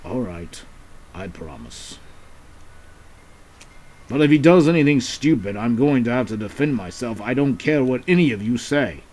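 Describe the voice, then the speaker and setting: A man voicing a wary, stubborn male pirate captain in a homemade puppet drama, speaking slowly and grudgingly. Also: medium pitch, lively intonation, a little mellow, close to an everyday voice. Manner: slow, grudging and suspicious.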